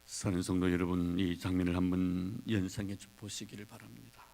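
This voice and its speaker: A man preaching a sermon as pastor, retelling a story dramatically with big swings between quiet and loud. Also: sits low, level tone, moderate pace, vocal fry, a little hiss or hum.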